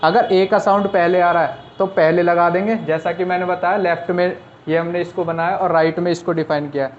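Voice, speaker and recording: A man's voice: sits high, steady tone, fairly quick. A man teaching a shorthand lesson, patiently repeating each rule step by step. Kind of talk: classroom lesson explaining at a board. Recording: slightly dull lo-fi recording with faint noise.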